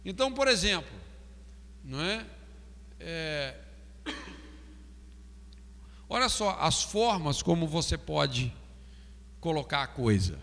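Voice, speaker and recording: A man's voice: a little high, sing-song, slow, gravelly, pauses often, a bit bright, long reverb tail. A Brazilian man teaching a pastoral counseling class, asking "não é?" often and acting out example phrases. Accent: Brazilian Portuguese. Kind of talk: classroom lecture.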